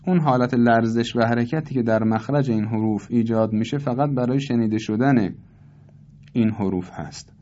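Man slowly teaching Quran recitation rules. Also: medium pitch, highs cut off. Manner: calm explaining, slowly demonstrating recited words. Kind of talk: tajweed lesson.

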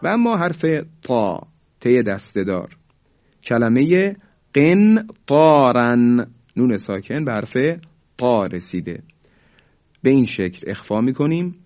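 A man teaching Quran recitation. He rushes through his explanations, then recites each example slowly and repeats it. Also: medium pitch, very animated, darkish tone, dull audio. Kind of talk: recitation lesson.

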